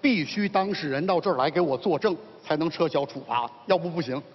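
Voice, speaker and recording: A man's voice: fairly high pitch, animated, breathy edge. A man playing a timid, hapless husband who whines and frets, in a stage comedy sketch. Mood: complaining. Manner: whiny, fretful, fast comic complaints. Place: theater stage with live audience. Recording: dull audio, reverberant hall.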